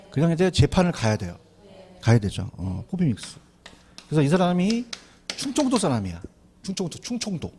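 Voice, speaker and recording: A man giving an exam prep lecture, animated, often asking students to repeat after him. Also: a little high. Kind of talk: classroom lecture.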